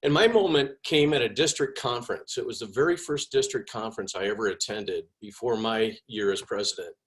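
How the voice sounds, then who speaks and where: A man's voice: lowish voice, a little fast. A man who is a past club president, telling a personal story in a casual, enthusiastic way. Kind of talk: personal speech.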